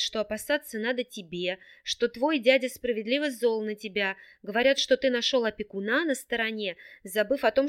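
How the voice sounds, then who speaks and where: A woman's voice: on the high side, natural voice. A woman voicing a naive, tearful young girl who pleads breathlessly in an audiobook.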